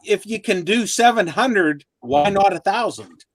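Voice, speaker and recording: A man's voice: sits high, animated, a little slow, no room sound. A man in his fifties on a live web show over a video call, dropping short, dry quips. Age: 50s.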